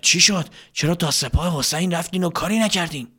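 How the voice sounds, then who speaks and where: A man's voice: a little high, pushed and bright, husky. A man voicing a surprised male foot soldier asking eager, startled questions, in a told story.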